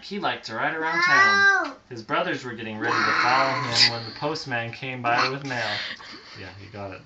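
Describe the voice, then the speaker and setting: Here a father with a mid-range voice reads a picture book to his young child at home before bed, breaking off to reply when the child points at the illustrations. It was recorded on a phone, the home setting is noisy, and the highs are cut off.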